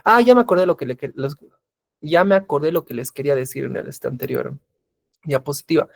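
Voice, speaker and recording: A man's voice: on the high side, expressive, fairly quick, gravelly, no echo. A man teaching an English class, patiently repeating examples and asking his students questions. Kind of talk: recorded class lecture in Spanish.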